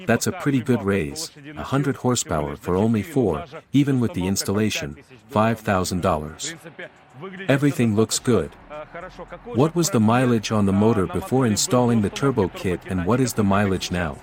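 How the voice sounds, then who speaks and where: Walking around cars outdoors for a review show, a Ukrainian host quizzes the owner and steers the viewers, addressing them as "guys." He speaks animatedly at a moderate pace in a lowish voice, with a crowd audible behind him.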